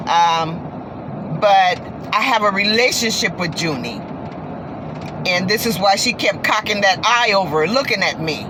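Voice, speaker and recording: Earnest woman talking slowly over road noise. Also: mid-range voice. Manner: earnest, repetitive, folksy storytelling. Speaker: horse owner vlogger. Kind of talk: casual monologue. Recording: steady road noise behind.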